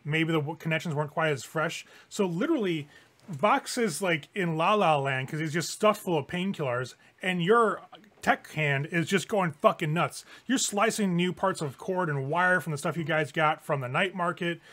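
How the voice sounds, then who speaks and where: A man with a slightly high voice runs a tabletop game. He narrates casually and informally, swearing freely as he describes the scene. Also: normal speed, a bit bright. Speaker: game master.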